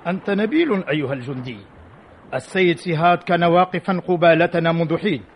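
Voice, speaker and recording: An actor in an old Arabic radio drama playing a wry, authoritative ancient commander, speaking in measured formal lines. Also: male voice, on the high side. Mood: calm, commanding. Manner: measured formal delivery, dryly witty. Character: calm, wry, authoritative male Carthaginian army commander. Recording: muffled, hissy old radio recording.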